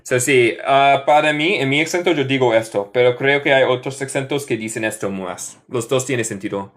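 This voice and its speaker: An American man with a Northern US accent, a native English speaker, teaching English in Spanish with slow, drawn-out model phrases in a live online lesson. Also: mid-range voice, fairly bright tone. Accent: Northern US (Michigan). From United States. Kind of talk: live online lesson, reading chat questions.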